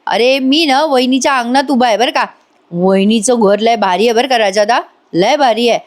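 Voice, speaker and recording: An eager, simple young village sidekick chatters in rustic speech, slightly high and earnest, as a woman narrator puts him on. He sounds naive and well-meaning. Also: normal speed, close to an everyday voice.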